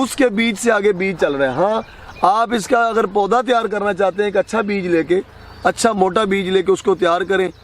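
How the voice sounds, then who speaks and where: A man with a Pakistani Punjabi accent, explaining crop care outdoors in an instructive, firmly corrective way. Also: high-pitched. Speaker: farm expert guest. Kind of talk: explaining farming advice. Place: outdoors on a farm.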